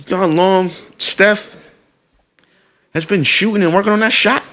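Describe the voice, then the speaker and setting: A man's voice: high-pitched, normal speed, fairly bright tone. A man with an American accent chatting casually and emphatically, repeating himself and leaning on slang. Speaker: music producer. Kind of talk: casual conversation.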